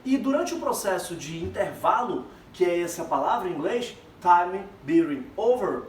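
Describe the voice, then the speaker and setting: A Brazilian man teaching a Spanish lesson, explaining terms to his students in an animated, direct way. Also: high-pitched, moderate pace. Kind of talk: classroom lesson mixing Spanish and Portuguese. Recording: echoey room, far from mic, faint background noise.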